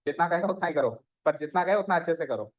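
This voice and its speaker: A man's voice: a little high, expressive, fast talker, dull audio. A male maths teacher giving a classroom lesson, asking the students questions and repeating their answers back to them, with English maths terms mixed into his talk.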